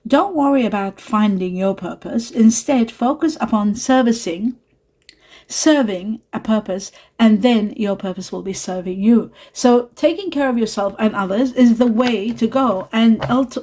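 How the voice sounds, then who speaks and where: A woman reads tarot and oracle cards for her viewers in a soft, unhurried, reassuring way. Her voice is mellow and dark in tone, with a faint hiss of noise behind her. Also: medium pitch. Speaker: tarot reader. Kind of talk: spiritual card reading to camera.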